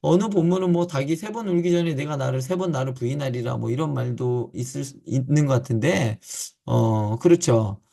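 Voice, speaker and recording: A male pastor giving a Bible teaching to church leaders, often asking questions and then answering them himself, with frequent pauses and fillers. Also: medium pitch, creaky, dark tone.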